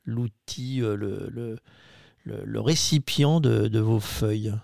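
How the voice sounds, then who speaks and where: A man's voice: lowish voice, takes it slowly, gravelly, darkish tone, no echo, clean studio sound. A man hosting a radio interview who asks his questions playfully and searches for the right words. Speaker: radio host.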